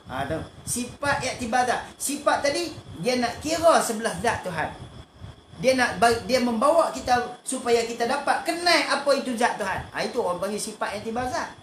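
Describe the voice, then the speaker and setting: A man's voice: very high-pitched, fairly bright tone. A man with a Malaysian Malay accent teaching an online religious class, often asking questions and answering them himself. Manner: asks and answers his own questions, repeats short fillers. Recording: echoey room, faint background noise.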